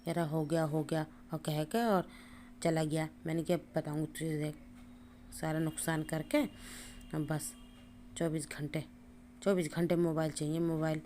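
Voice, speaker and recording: A woman vlogger narrating her day in a casual, chatty way, often filling pauses with short hums. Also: sits low, little pitch movement, warm tone, a little hiss or hum. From India. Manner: chatty, repeats "हैं" and "hmm" as fillers. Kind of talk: casual family vlog narration.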